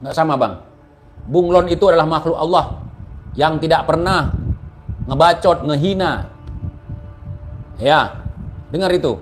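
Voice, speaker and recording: Guy ranting and mocking, highish voice, keeps asking rhetorical questions, faint music behind. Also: a little slow, pauses often. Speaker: commentator. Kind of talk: casual spoken commentary.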